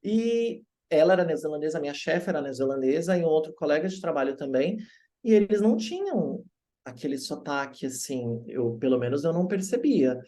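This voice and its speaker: A man from Brazil who teaches English recounts stories at a fairly quick pace during a casual interview. His slightly high voice is animated, and he performs the voices of those he quotes.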